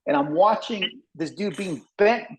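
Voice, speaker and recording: A man co-hosting a podcast, telling a story in a casual, animated way, swearing and saying "bro" a lot. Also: sits high, measured pace, slight background noise, low-quality recording. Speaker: podcast co-host.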